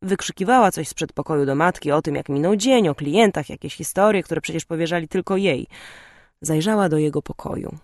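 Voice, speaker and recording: A woman reading an audiobook aloud, telling the story in a clear, expressive way. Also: deep voice, a little fast, no echo, studio quality. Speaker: audiobook narrator. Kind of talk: audiobook narration.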